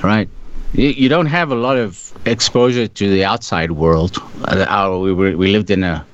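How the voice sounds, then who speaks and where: A man in his sixties from Africa, telling his life story as an interview guest in a reflective, halting way. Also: lowish voice. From South Africa. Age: 60s. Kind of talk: casual storytelling. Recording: dull lo-fi sound.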